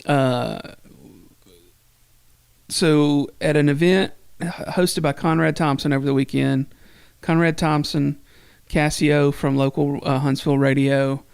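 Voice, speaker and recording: A man's voice: on the high side, fairly even intonation, measured pace, gravelly, darkish tone, clean tone, dry recording. A middle-aged man, co-hosting a podcast and telling a long rambling story with plenty of swearing. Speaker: podcast co-host. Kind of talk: casual chat.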